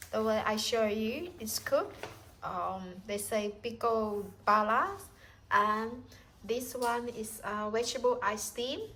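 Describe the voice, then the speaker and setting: A Thai woman with a Thai accent casually walks through a home-cooked meal in a cooking and eating vlog, naming the dishes one by one in simple broken English. Her voice is fairly high and a bit bright, and the recording is rough.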